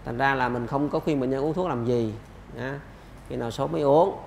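A man's voice: mid-range voice, a little fast, creaky, a little mellow, echoey room, slight background noise. A man lecturing on pediatrics, answering questions emphatically with rhetorical questions.

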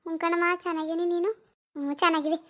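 A woman voicing a hesitant, sulky young married daughter in an animated cartoon, speaking softly. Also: extremely high pitch, fast. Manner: soft, reluctant.

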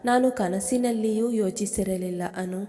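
A woman's voice: mid-range voice, unhurried, mellow, long reverb tail, natural voice. A woman voicing a stern, accusing mother-in-law who scolds sharply.

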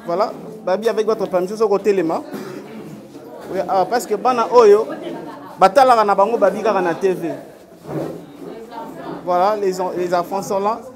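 A man with a Congolese accent working as a reporter, who asks short questions and calls out to children in lively bursts. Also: high-pitched, normal speed, long pauses. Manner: brief affirming interjections, then lively calls to a crowd. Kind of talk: street interview and event hosting. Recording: loud crowd around.

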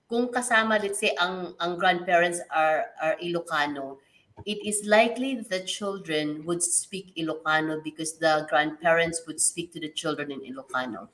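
A woman's voice: lowish voice, a little slow, poor audio. Filipina woman with a Visayan accent. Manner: reflective, soft-spoken, laughing asides. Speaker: radio co-host. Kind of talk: casual radio chat.

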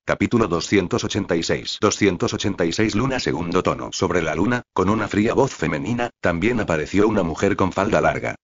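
A man narrating a translated fantasy web novel in an even, steady reading voice. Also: low voice, brisk, few pauses, highs cut off. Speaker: audiobook narrator.

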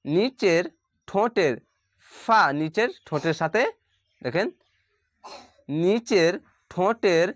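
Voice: medium pitch, no echo. Pronunciation tutor facing the camera, mid-range voice, patient and repetitive, dry room. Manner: patient, explains slowly and repeats each sound aloud. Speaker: Quran pronunciation teacher. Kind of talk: step-by-step pronunciation lesson.

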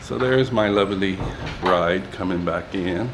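Filmed on a phone camera carried in hand as he walks, a man tours his two-story house, partly out on the balcony. His voice is low and a little slow, his talk chatty and meandering with fillers, and there's background noise.

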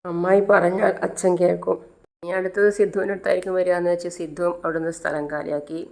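Low, flat-voiced woman retelling a story. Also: fast talker, vocal fry. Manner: steady recounting, voicing each character's quoted words in her own voice. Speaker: storyteller retelling a TV serial episode. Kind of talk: casual spoken retelling.

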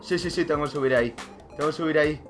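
A young man with a Spain Spanish accent, giggling and shouting through a gaming commentary, laughing at nearly everything. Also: on the high side, racing, soft background music. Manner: laughing constantly, loud exclamations, swearing. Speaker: gaming YouTuber. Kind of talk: let's play commentary.

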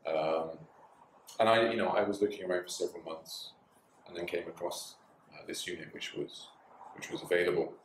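A man's voice: sits low, fairly even intonation, normal speed, a little hiss or hum. A man in his forties, an interview guest who owns a bar and dojo, talking in an easygoing way with lots of fillers and laughs, recorded from a distance in a small bar. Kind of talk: relaxed conversational interview. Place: small bar with signed walls, indoors. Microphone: far camera in the room. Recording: echoey room from a distance.

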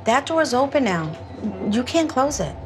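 A middle-aged psychic medium who hosts a haunting show walks through an old New York apartment building, beginning out on a city street, and gives a spiritual reading. Like a fortune teller, she announces her visions in a high, sing-song voice at a moderate pace. Music plays in the background.

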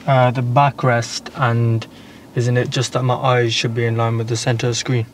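A man's voice: mid-range voice, flat delivery, normal speed. A young man answering as a learner driver in a casual lesson, with short, tentative replies. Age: young adult. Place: inside a parked car. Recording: clear car background noise.

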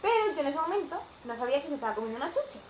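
Chatty young Spanish woman, high voice. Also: very animated, very fast, reverberant, a little hiss or hum, poor audio. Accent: Spanish from Spain. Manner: chatty, rambling with fillers. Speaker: vlogger. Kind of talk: casual storytime. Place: home living room.

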